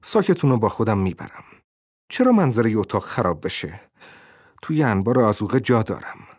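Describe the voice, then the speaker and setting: A man's voice: mid-range voice, animated, a little mellow, no room sound, studio quality, lightly acted. A man voicing a suspicious old landlady who needles and pries in a falsely sweet way, in a storybook reading.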